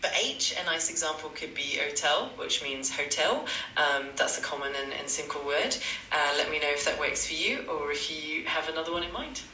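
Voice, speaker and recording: Bright, eager-to-please AI tutor voice. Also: mid-range voice, expressive, moderate pace, echoey room, far from the mic, a little hiss or hum, poor audio. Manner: polite, eager to please, stock phrases. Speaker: AI language tutor. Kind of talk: chatbot tutoring replies.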